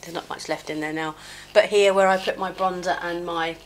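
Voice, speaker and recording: The audio is low quality with a little hiss or hum, carrying a fairly low-pitched, fairly even voice that moves a little fast. She's a middle-aged beauty vlogger with a cold, slightly chesty, rambling self-mockingly through a get-ready-with-me chat while doing her makeup at home, scattered and full of fillers. Her small clip mic near her gets covered now and then.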